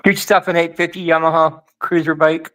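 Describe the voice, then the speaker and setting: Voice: medium pitch, flat delivery, fairly quick, a bit bright. A co-host on a casual live stream, joking and teasing the host.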